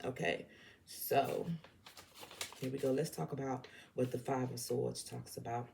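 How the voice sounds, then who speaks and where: A woman with a Southern US accent gives an informal tarot reading in a very deep, gravelly, slightly mellow voice with flat delivery and a measured pace. She's blunt and emphatic, repeats herself often, and checks in with "okay?", over slight background noise.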